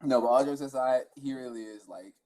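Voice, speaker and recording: A young man co-hosting a casual podcast, teasing a friend in an animated way. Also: mid-range voice, fairly quick. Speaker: podcast co-host. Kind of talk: casual joking chat.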